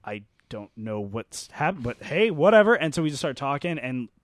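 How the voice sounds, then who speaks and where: A man casually telling funny convention stories with lively, self-deprecating asides. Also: mid-range voice, normal speed, no echo. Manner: animated storyteller, self-deprecating, swears casually. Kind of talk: casual chat.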